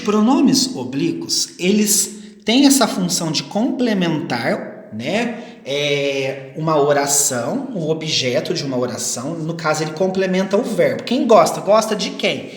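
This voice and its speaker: A man teaching a grammar lesson, explaining patiently and checking in with the class with frequent short questions. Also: sits high. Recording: echoey room with long reverb.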